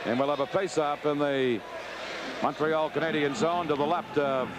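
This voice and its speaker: High-voiced man calling hockey over heavy noise. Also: moderate pace. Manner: clipped running call, rising to excited shouts on chances and goals. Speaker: play-by-play hockey announcer. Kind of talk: live sports commentary. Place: hockey arena. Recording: very noisy vintage TV sports broadcast.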